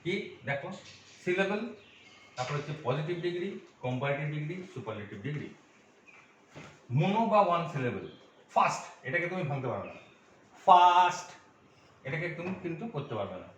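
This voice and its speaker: A man's voice: on the high side, big pitch swings, brisk, long pauses, a bit bright, a little hiss or hum. A man teaching an English grammar lesson to students, patiently asking and answering his own questions. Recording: echoey, distant, dull room recording.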